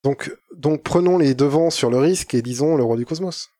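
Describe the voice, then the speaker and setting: A man's voice: fairly high pitch, moderate pace, dark tone, dry recording, clean studio sound. A young man co-hosting a casual podcast chat, rambling and playful with mock-philosophical asides. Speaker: podcast co-host.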